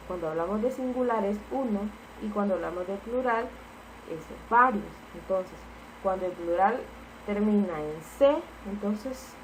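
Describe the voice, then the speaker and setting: A woman's voice: mid-range voice, a little hiss or hum, poor audio. A woman teacher giving a spelling lesson, explaining each rule patiently and repeating the key points.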